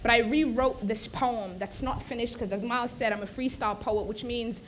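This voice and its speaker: A woman's voice: fairly high pitch, fairly even intonation, normal speed, a little hiss or hum. A woman from Sudan, a slam poet, chatting playfully with a festival audience on stage before she performs.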